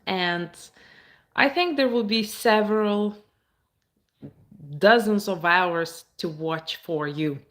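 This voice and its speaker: A woman's voice: medium pitch, slow pace, pauses often, fairly bright tone. A woman from the states, chatting casually on a phone live stream, reading viewer comments aloud and answering them. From Baltic states.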